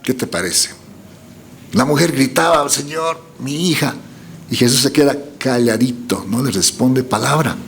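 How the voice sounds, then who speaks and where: A man's voice: mid-range voice, moderate pace, creaky, a little hiss or hum. A male preacher giving a sermon, reading scripture aloud and asking the congregation questions. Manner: lively, rising emphasis on quoted lines. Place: church gathering.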